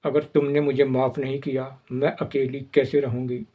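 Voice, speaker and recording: A man's voice: mid-range voice, little pitch movement, normal speed, phone-quality sound, lightly acted. A man reading the lines of a desperate young wife in a retold film story, in a slightly raised reading voice. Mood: pleading.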